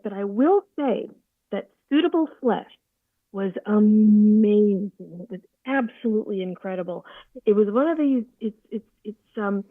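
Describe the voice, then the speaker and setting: A woman voice actor chatting casually on a video call from her sofa, telling stories in a lively, theatrical way. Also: mid-range voice, no echo. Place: home sofa. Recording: tinny phone-like line, dry.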